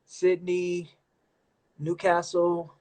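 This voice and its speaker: A man's voice: high-pitched, monotone, very slow, darkish tone. A man hosting a live stream from his phone, chatting casually with callers and calling them brother. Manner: laid-back, says man and my brother often.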